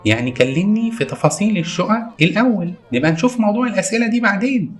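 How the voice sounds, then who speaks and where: A man's voice: high voice, lively intonation, very fast. A man with an Egyptian accent acting as an increasingly exasperated apartment seeker in a comedy sketch. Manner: exasperated, indignant client.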